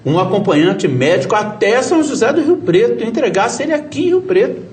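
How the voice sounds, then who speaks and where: A man's voice: high voice, sing-song, fairly quick, a little mellow, distant mic. A man interviewing a guest with eager, hesitant questions.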